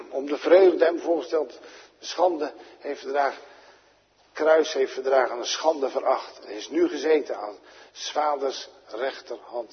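A man preaching a fervent sermon, repeating phrases and putting direct questions to the congregation, swinging from loud emphatic calls to quiet appeals. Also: mid-range voice, husky. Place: church. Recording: lo-fi recording with long church reverb.

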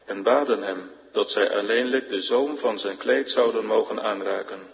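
A man giving a solemn, measured reading of scripture in church. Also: lowish voice, creaky. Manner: measured, formal. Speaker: scripture reader. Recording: reverberant, dull lo-fi church recording.

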